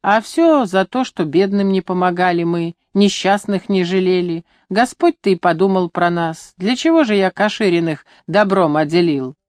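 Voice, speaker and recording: A woman voicing a gentle, devout old grandmother who speaks calmly in a storybook reading. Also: lowish voice, normal speed, few pauses, no room sound, studio quality, natural voice. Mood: confiding. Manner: soft, calm, devout.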